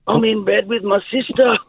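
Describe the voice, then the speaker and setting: A man's voice: sits high, fairly even intonation, slow pace, breathy edge, no echo. A man calling into a radio show, groaning and coughing in a fake sick voice. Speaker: caller. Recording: phone line.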